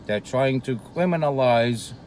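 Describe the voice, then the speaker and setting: Unhurried, profane New man, casual vlog ramble, chewing while he talks. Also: medium pitch, a little mellow, slight background noise, rough recording. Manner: profane, meandering, hesitant fillers. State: eating while talking. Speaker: vlogger. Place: street near a Brooklyn diner.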